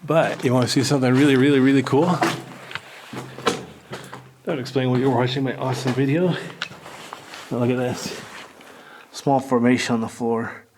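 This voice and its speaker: A man talks his way casually through a cave, with clicks and clear noise around his voice. He rambles in an ordinary mid-pitched voice with dry, wry humor, and the cave gives it an echo. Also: little pitch movement, normal speed, long pauses. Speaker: cave explorer filming himself. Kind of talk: casual narrated exploration vlog. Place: inside a rocky cave.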